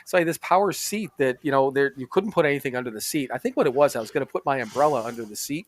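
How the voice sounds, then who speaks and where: A man's voice: mid-range voice, expressive, very fast, a little hiss or hum. A man co-hosting a podcast in a casual chat, rambling and profane, with plenty of restarts. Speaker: podcast co-host.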